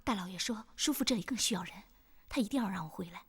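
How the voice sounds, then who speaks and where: An actress playing a spirited young woman, an official's niece, who talks in a lively, teasing, self-assured way. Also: medium pitch, fast talker, breathy edge. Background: music score.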